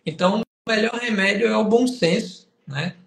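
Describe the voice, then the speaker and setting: A man's voice: high voice, normal speed, vocal fry. A man hosting an interview, affirming the guest and asking follow-up questions. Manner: affirming, asks follow-ups. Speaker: podcast host. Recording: roomy echo.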